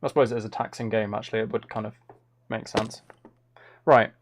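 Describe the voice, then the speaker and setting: A man with a fairly low, steady voice speaks fairly quickly as he hosts a live game stream, chatting loosely and poking mild fun at himself. Music runs in the background, and there's a little hiss or hum.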